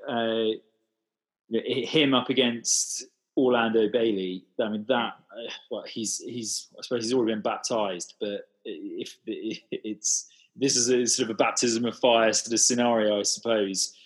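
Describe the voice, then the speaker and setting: A man co-hosting a podcast, rambling in a halting way with lots of fillers. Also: on the low side, husky, low-quality recording. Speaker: podcast co-host. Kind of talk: casual sports chat.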